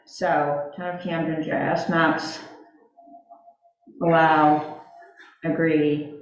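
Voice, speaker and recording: A woman's voice: low-pitched, level tone, slow pace, dull audio. A woman in a town meeting, explaining step by step with many fillers. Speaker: commission member. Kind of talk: casual meeting discussion. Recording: echoey meeting room.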